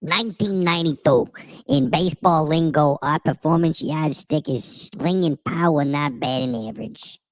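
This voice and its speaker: Man acting a folksy Boston guy, Boston accent, high-pitched for him, hammy drawn-out delivery, dry close sound. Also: lively intonation, gravelly, no echo, rough recording. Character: folksy Boston man reading investing wisdom aloud.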